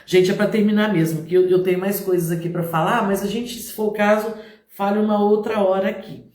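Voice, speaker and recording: A middle-aged Brazilian woman preaching to a congregation in a lively way, acting out little examples and talking right to her listeners. Her voice sits at an ordinary middle pitch. The recording echoes around a roomy space. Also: brisk. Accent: Brazilian Portuguese. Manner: lively, acts out examples, speaks straight to listeners. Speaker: missionary preacher. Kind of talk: motivational church talk to a congregation.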